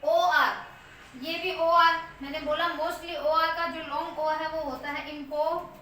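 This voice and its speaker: A woman teaches English pronunciation with a high, bright voice, slowly drawing out each example word. She sits away from the mic in a strongly echoing room. Faint noise hums behind her. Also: flat delivery. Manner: slow, drawn-out repetition of example words. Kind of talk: pronunciation lesson. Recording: echoey room, mic at a distance.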